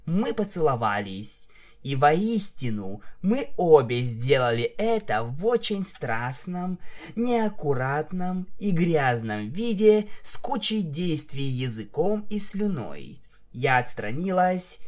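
A reader narrating a fan story aloud, telling it slowly with voiced dialogue. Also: mid-range voice, a little mellow.

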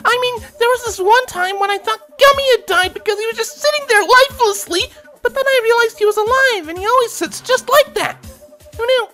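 A woman voicing a bubbly, rambling young female cartoon pony in a very high, loud voice. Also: soft background music. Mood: hyper. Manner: rapid excited rambling.

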